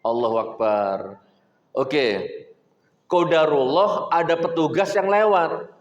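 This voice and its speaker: A man preaching a sermon, telling stories and swinging between loud exhortation and low asides. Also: takes it slowly, highs cut off. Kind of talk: sermon with storytelling. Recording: echoey hall with long reverb.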